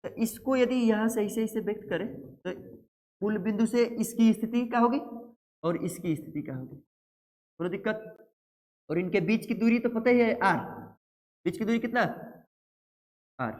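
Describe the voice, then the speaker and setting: A man's voice: high-pitched, normal speed, pauses often, darkish tone. A male physics teacher lectures to a class, keeps asking questions and answers them himself. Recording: long hall reverb.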